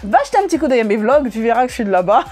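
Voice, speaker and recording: Woman, Parisian French accent, high-pitched, chatty and joking vlog Q&A delivery. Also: expressive, very fast, darkish tone, faint music behind. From Guadeloupe, raised in France. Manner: chatty and joking, reads viewer questions aloud then answers. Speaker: YouTuber answering viewer questions. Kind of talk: casual vlog Q&A.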